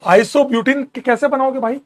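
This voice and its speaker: A man with a fairly high voice teaches a chemistry lesson in a relaxed, friendly way. He reassures the students, repeats steps, counts out carbons and keeps telling them there is nothing to worry about. The delivery is that of a chatty classroom teacher. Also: moderate pace. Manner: casual, encouraging, calls students bro. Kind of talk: classroom lecture.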